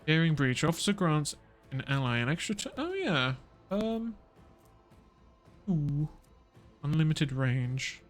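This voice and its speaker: A man's voice: a little high, normal speed, soft background music. A man streaming a strategy game, thinking aloud and muttering his moves in casual commentary.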